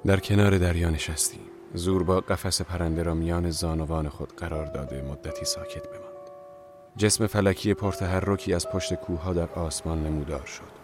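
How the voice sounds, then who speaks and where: Deep-voiced man reading a novel. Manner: measured, reflective reading. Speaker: audiobook narrator. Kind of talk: scripted literary narration.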